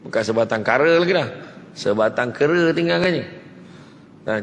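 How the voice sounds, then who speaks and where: A Malaysian man giving a humorous religious lecture in a mosque, chatting with the crowd and teasing them with quick questions. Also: mid-range voice, vocal fry. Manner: chatty, teasing, keeps asking the crowd "right?". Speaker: religious preacher. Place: large mosque hall. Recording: echoey hall with faint noise.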